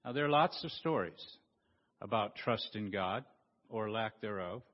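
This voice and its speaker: Slow, lively preaching man in a church. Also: lowish voice. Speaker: pastor. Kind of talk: sermon. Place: church sanctuary. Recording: dull recording with long church reverb.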